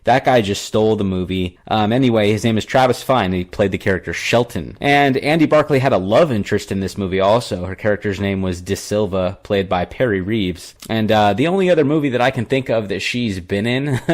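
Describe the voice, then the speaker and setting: A young podcast co-host casually retells a horror film in a rambling way, full of fillers and restarts, as part of a relaxed movie review chat. His voice is lowish and fairly quick.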